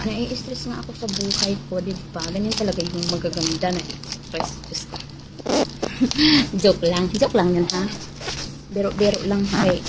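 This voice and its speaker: A woman vlogging as a mother, chatting casually to the camera in a rambling, joking, self-mocking way and dropping into English now and then. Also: medium pitch. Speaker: mother vlogging with her baby. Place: rural home in the mountains. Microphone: camera facing her. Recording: loud background noise.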